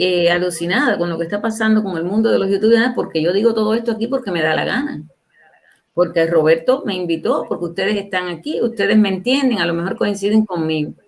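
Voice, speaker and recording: An older woman in her sixties talks at length as a guest on a livestream interview. She keeps up a casual, opinionated flow and presses her points home by firing rhetorical questions at her listeners. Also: medium pitch. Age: 60s. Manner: emphatic, asks the audience rhetorical questions.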